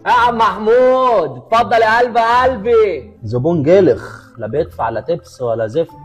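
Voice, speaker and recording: A man playing a fast-talking joker barber. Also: mid-range voice, expressive, warm tone, faint music behind, natural voice. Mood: teasing. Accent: Egyptian Arabic. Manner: teasing, bantering, rapid-fire jokes at customers. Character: cheeky joking neighborhood barber, adult man. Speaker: actor. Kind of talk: comedy sketch.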